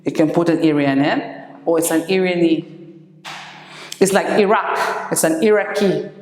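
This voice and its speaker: A woman teacher giving an English lesson, slowly repeating each word for her pupils. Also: lowish voice, darkish tone. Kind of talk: classroom lesson. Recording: echoey room with long reverb.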